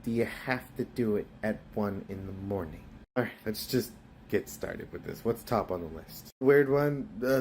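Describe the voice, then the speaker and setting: A man voicing a comedy cartoon with brash, sweary, quick-fire banter. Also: medium pitch, slight background noise. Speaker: animator voicing his own comedy cartoon.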